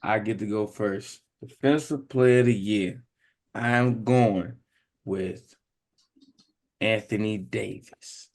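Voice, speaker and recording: A hoarse man co-hosting a sports podcast, talking in a loose, slangy and emphatic way. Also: fairly low pitch, takes it slowly, a little mellow. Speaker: podcast co-host. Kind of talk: casual sports chat.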